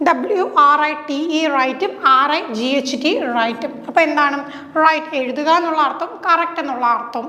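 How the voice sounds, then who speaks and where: A woman's voice: high-pitched, fairly bright tone. A woman teacher with a Malayali English accent, a Malayalam speaker, runs an exam-prep lesson and asks questions that she answers herself. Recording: echoey room with long reverb.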